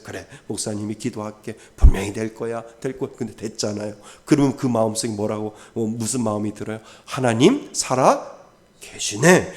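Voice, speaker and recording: A male pastor giving a sermon, acting out little quoted dialogues and swinging from loud emphasis to near whispers. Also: on the low side. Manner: acts out parents and children in quoted voices, swings from loud to soft. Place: church sanctuary.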